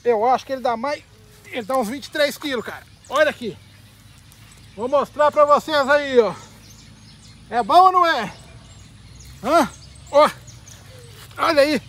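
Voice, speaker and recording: A man with a Brazilian accent doing excited live fishing commentary outdoors at a pond, talking straight to his viewers and repeating his catchphrases. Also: extremely high pitch, moderate pace, long pauses. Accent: Brazilian Portuguese. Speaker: fishing vlogger.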